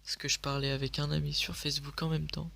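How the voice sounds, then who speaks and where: A young man quietly commenting on his own game replays at home at night, speaking softly and a little sick. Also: a little high, flat delivery, fast, gravelly. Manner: speaks softly, often near a whisper. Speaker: gaming youtuber. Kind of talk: casual gameplay commentary.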